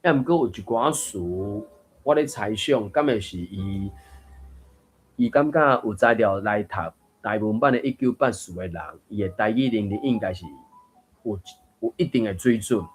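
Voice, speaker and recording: Hosting a reading group, a man chats casually in a Taiwanese language about Taiwanese texts, musing thoughtfully with fillers and laughter. His voice is on the low side at a moderate pace, with a little hiss or hum.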